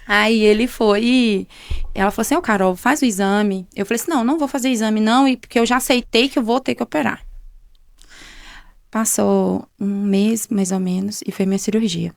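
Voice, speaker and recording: A woman's voice: mid-range voice, fairly even intonation, normal speed, vocal fry, no room sound, clean studio sound. A young adult woman, a guest on a faith show, telling her personal testimony and acting out quoted exchanges in a conversational way. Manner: retells events with many quoted exchanges in a conversational way.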